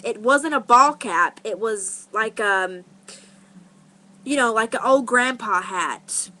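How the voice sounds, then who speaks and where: Bright-voiced woman ranting through a story. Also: fairly high pitch, takes it slowly, poor audio. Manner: emotional, profane, rambling with many restarts. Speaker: vlogger. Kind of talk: casual storytelling monologue.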